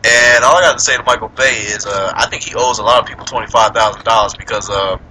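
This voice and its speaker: A man chatting casually about a movie, animated and profane, laughing often and mimicking characters. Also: lowish voice, fast talker, slight background noise, rough recording. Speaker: movie reviewer. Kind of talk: casual chat.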